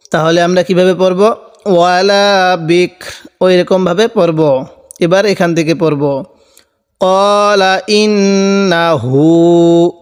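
A man with a high, smooth, resonant voice teaches Quran reading at a slow, deliberate pace. He spells each word letter by letter and draws out the recited syllables. A long reverb trails after his voice.

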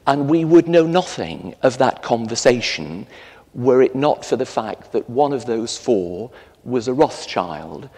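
A man in his fifties with an English accent, a parish priest delivering a storytelling sermon with lively gestures in a large stone church. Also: mid-range voice. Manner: storytelling, animated gestures while preaching. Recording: long church reverb.

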